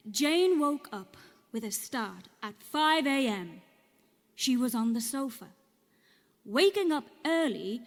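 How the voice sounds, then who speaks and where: An Irish actress with a fairly high voice plays a nervous but game audience member, reading a script aloud on stage in a hesitant, halting way. It's a live storytelling performance at a cellar event, picked up by a stage microphone, and the mood is uneasy.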